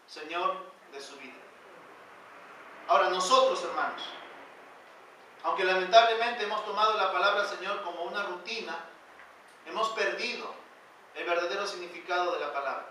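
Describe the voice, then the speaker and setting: A male pastor preaching a sermon in a church, pushing phrases up loud and then sinking them to a near hush. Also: high-pitched, moderate pace, long pauses, slight background noise. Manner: emphatic preaching, rising loud then dropping quiet. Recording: very echoey church hall, voice from far off.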